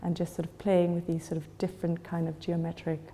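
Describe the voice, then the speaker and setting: A Chilean gallery owner in her forties answers interview questions thoughtfully, using many fillers and restarts. Her fairly low, mellow voice is monotone and a little fast, and she sounds as if she's in a large hall.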